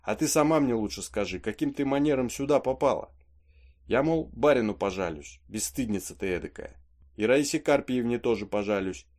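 Reading a play aloud for an audiobook, a man voices a superstitious peasant servant spinning a folksy tale, lightly acted and full of chatty asides. His voice is medium-pitched and darkish in tone, with lively intonation and a brisk pace.

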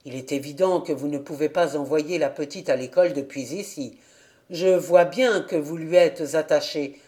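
Measured, persuasive village pastor in a storybook reading; a narrator does him, calm and earnest. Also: mid-range voice, lightly acted. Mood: conciliatory. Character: earnest village pastor, middle-aged man. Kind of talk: audiobook character reading.

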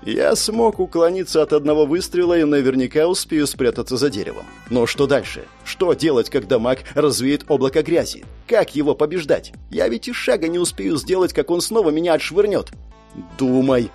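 A man's voice: fairly high pitch, darkish tone, breathy edge. A man narrating first-person fiction in a dramatic audiobook style, intense and breaking into strained outbursts for the hero's inner thoughts.

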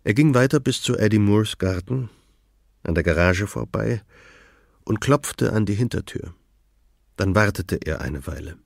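A man narrating an audiobook in a measured, even reading style. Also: lowish voice, gravelly, no room sound, studio quality. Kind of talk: scripted narration.

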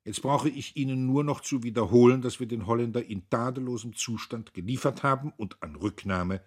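A husky-voiced man voicing a cool, matter-of-fact company clerk in an audiobook. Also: medium pitch, a little fast, pitched above the performer's own voice, lightly acted.

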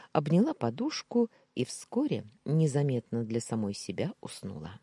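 A woman narrating a first-person audiobook in an expressive, melodic reading. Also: sits low, slightly rough, dry recording.

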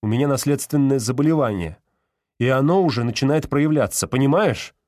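A man voicing a hungover, cranky male professor who blusters and shouts indignantly, in an audiobook. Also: medium pitch, animated, a little fast, no echo, clean studio sound, pitched above the performer's own voice, lightly acted. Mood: pleading. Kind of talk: audiobook character voice.

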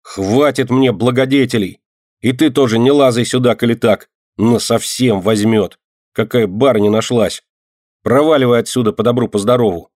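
A man reading an audiobook and voicing a proud, rough street boy who scolds loudly. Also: fairly low pitch, moderate pace, no room sound, studio quality, voice pushed up, natural voice. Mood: angry. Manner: gruff, scolding, loud.

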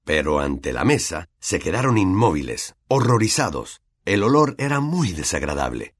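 A man with a Latin American Spanish accent narrating a storybook in an expressive, vivid way. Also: low voice. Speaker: audiobook narrator.

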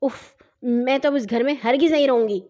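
A woman's voice: high-pitched, steady tone, warm tone, natural voice. A woman voicing a flustered mother in a children's story, stammering in fright and scolding her son. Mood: frightened. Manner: stammering and panicky. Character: flustered, fearful mother of a household.

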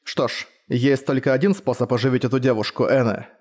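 A man voicing a calm, mocking ghostly father in a fantasy audiobook, speaking softly and unhurriedly. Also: mid-range voice, fairly quick, close to an everyday voice. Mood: gentle.

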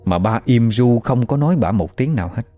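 A man's voice: medium pitch, expressive, fairly quick, warm tone, faint music behind. A man telling a first-hand story in a casual, conversational way.

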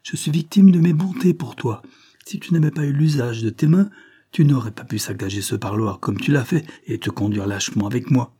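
A man's voice: medium pitch, brisk, dark tone, slightly rough, close to an everyday voice. A man voicing a shrewd, orderly police agent. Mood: reproachful. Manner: cool, reproachful and lecturing.

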